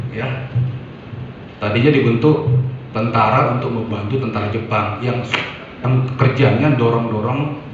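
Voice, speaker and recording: A man's voice: medium pitch, a little hiss or hum. Man lecturing in an echoey hall. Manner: storytelling, with sound effects and acted quotes. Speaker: preacher. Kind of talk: lecture to an audience. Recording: echoey hall, distant mic, muffled.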